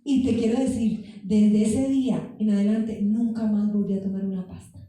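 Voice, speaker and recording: A woman's voice: mid-range voice, steady tone, normal speed, mellow. A woman preacher giving a fervent sermon, speaking directly to her congregation in a church. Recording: echoey hall from far off.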